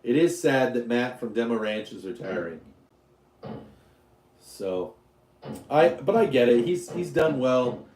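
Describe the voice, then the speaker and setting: A man's voice: medium pitch, expressive, unhurried, pauses often, darkish tone, reverberant. A man from Utah hosting a casual live stream, rambling, joking and answering questions from his chat. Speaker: YouTube livestream host.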